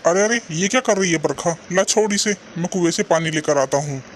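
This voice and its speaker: A man's voice: a little high, fairly quick, slight background noise, close to an everyday voice. A man voicing a poor young junk seller in a cartoon story, earnest and caring, sometimes despairing. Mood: reassuring. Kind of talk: cartoon voice acting.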